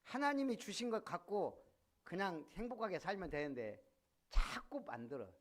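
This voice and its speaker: A man's voice: high-pitched, normal speed. A male pastor preaching a sermon, often putting questions to the congregation. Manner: animated, asks the congregation questions. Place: church sanctuary.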